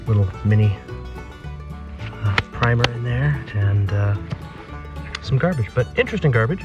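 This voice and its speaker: A man's voice: mid-range voice, lively intonation, moderate pace, highs cut off, music in the background. A man narrating a casual outdoor vlog as a metal detecting hobbyist, thinking aloud in a musing, tentative way. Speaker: metal detecting hobbyist presenting his finds. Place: outdoors in a backyard.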